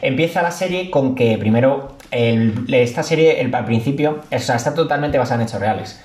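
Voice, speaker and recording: A man's voice: mid-range voice, brisk, a little mellow. Rambling man in echoey room. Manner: rambling, filler-heavy storytelling. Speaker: podcast guest. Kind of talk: casual podcast chat.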